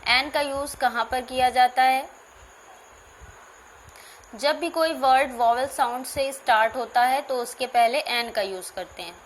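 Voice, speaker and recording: A woman teacher explains English grammar in a slow classroom manner, spelling out words and repeating them. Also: high voice, slight background noise. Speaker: school teacher.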